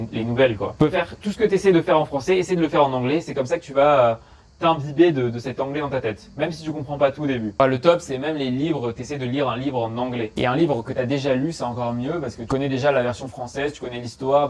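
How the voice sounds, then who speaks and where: A young man from France, chatting informally with many fillers, giving study and travel tips straight to the viewer in a casual vlog. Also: medium pitch.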